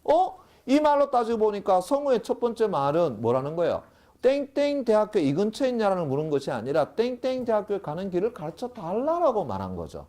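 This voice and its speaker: A man's voice: high voice, fairly quick. Middle-aged guy lecturing grammar to a class, voice swings up and down a lot, keeps asking "got it?". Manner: animated, keeps checking understanding with short questions.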